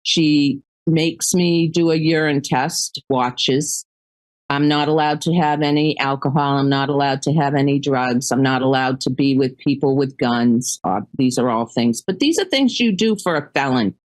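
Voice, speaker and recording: An older woman, a grandmother, speaking as a guest in a casual interview, plainspoken and quick to laugh. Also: a bass voice, dry recording.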